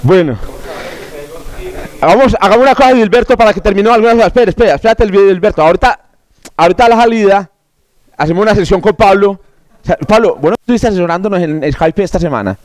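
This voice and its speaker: A man with a high voice runs a classroom quiz review. He jokes, wanders off topic and stumbles into restarts. His voice comes through dry and close, with no room sound. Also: quick pace, a little mellow, no echo. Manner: joking, digressive, with stammered restarts. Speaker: astronomy course instructor.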